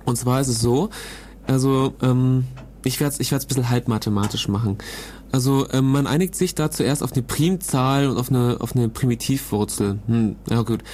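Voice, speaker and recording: A man co-hosting a podcast, explaining a technical topic in a loose, hesitant way, often pausing to search for words. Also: mid-range voice, darkish tone, slight background noise. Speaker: podcast co-host explaining cryptography. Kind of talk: casual explanatory podcast chat.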